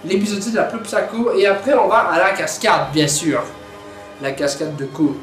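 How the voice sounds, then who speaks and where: Young male vlogger, high voice, joking chatter, roomy sound with faint music underneath. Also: moderate pace, a bit bright. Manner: chatty, jokey, repeats words. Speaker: YouTuber reviewing his own videos. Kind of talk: casual vlog chat.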